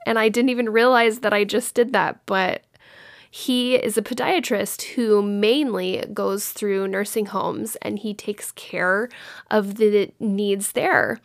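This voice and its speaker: Gravelly-voiced woman explaining communication. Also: mid-range voice, slow, dry recording, clean studio sound. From Dallas-Fort Worth area, Texas. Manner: conversational, explaining with personal stories. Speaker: speaker on communication. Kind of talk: informal talk.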